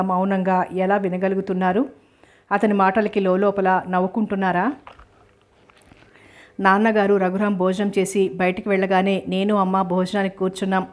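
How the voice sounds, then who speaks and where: Female audiobook narrator, steady even reading, little pitch movement, novel narration. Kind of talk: first-person novel narration.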